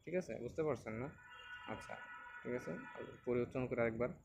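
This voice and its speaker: A man teaching a beginners' reading lesson, patiently explaining and repeating each letter slowly for learners to copy. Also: medium pitch, creaky, darkish tone, a little hiss or hum. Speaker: Quran teacher.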